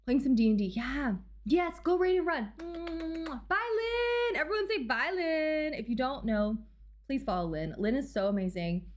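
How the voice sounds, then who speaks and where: Casting: female game streamer, high voice, swooping intonation, cute and excitable, casual and gushing live chat delivery. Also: moderate pace. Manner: excitable, exclamatory. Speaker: livestreamer and host. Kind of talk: casual livestream chat, greeting raiders and thanking gifters.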